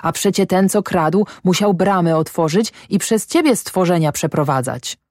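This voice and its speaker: A woman reading aloud, voicing an angry middle-aged male peasant farmer who shouts accusations. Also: fairly low pitch, expressive, normal speed, no echo, studio quality, natural voice. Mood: furious.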